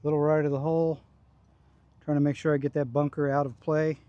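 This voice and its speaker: Casting: male amateur golfer, slightly higher-pitched, mellow voice, understated self-narrated golf commentary in clipped phrases. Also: little pitch movement, a little fast, dry recording, dull audio. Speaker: amateur golfer recording his own round. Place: outdoors on a golf course.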